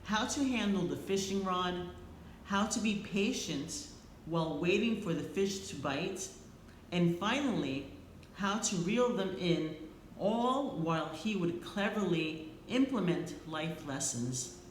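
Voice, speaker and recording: A middle-aged or older woman reads a prepared eulogy in a tender, solemn, slightly faltering way with deliberate phrasing. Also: on the low side, expressive. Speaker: eulogist, family member. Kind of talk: prepared eulogy read aloud. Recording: echoey room, faint background noise.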